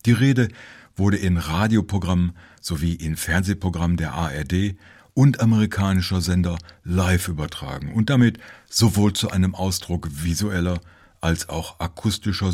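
A man narrating a history documentary in a measured, informative way. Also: sits low, darkish tone, breathy edge.

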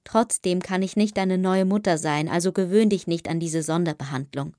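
A woman's voice: fairly low pitch, moderate pace, mellow, no echo, studio quality, lightly acted. A woman reading an audiobook, voicing a stern but kind motherly servant woman who scolds firmly. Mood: firm, pitying. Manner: scolding, firm.

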